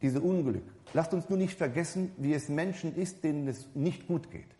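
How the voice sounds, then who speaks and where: Male preacher, warm low-key timbre, loose and chatty sermon delivery, long church-hall reverb. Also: normal speed. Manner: conversational, addresses the congregation directly, repeats and corrects himself.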